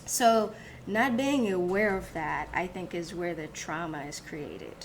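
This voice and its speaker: A woman born in Haiti and raised in the United States hosts a reflective solo talk, thinking out loud with many restarts and fillers. Her voice is fairly low and measured, with slight background noise.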